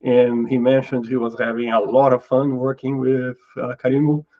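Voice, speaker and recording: Brazilian man, portuguese accent, middle-aged, interview guest, gravelly, thoughtful restarts, lo-fi audio. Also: mid-range voice, level tone, moderate pace. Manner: thoughtful, frequent repeated words and restarts. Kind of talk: casual interview talk.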